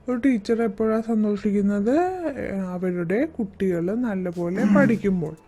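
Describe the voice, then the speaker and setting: A woman teacher with a Malayali accent explaining a school lesson, reading English lines slowly and deliberately before explaining them. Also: medium pitch, steady tone, mellow.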